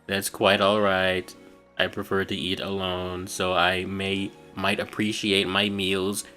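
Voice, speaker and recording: A man voicing a cold, aloof female captain in a video game, speaking slow, low and measured. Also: monotone, pushed and bright, soft background music, exaggerated voice. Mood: cool.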